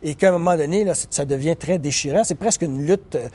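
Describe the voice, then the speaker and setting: Journalist, male, warm and mellow, halting explanatory interview delivery. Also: a little high. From Quebec, Canada. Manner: hesitant, many fillers and restarts. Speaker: journalist and biographer. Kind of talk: recorded interview, thoughtful explanation.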